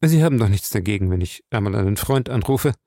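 A man's voice: lowish voice, expressive, quick pace, mellow, no room sound, studio quality. A man doing a blunt, probing police captain. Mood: stern. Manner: blunt, interrogating.

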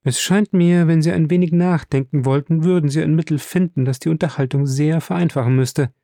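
A man reading the part of an earnest young gentleman in an audiobook, polite and pressing, a bit raised in pitch. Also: fairly even intonation, brisk, dry recording, studio quality, close to an everyday voice. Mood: earnest, urgent.

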